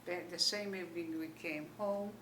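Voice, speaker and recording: An elderly woman from Poland with a Yiddish accent tells her life story in an animated way, retelling remembered dialogue. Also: on the low side, normal speed. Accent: Polish Yiddish. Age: older, 80s. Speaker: Holocaust survivor giving testimony. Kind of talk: oral history storytelling. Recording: echoey room, distant mic, faint noise.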